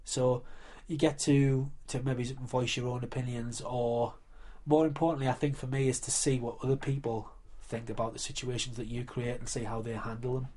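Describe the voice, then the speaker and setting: A man's voice: medium pitch, flat delivery, moderate pace, hardly any pauses, darkish tone. A man who works as a game organiser, explaining earnestly in a documentary interview. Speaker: live role-play coordinator and referee.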